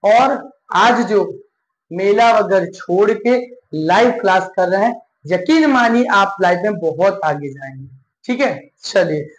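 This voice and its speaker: A man teaching an English grammar live class, slowly repeating each point and asking questions he answers himself. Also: high-pitched, animated. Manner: slow and repetitive, asks and answers his own questions. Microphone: live class recording. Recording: echoey room with faint noise.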